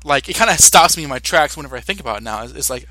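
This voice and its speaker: Young American man, podcast co-host, bright voice, halting restarts, dry close mic. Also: a little high, dry recording. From United States. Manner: animated, halting with many restarts and fillers. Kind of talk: casual podcast chat.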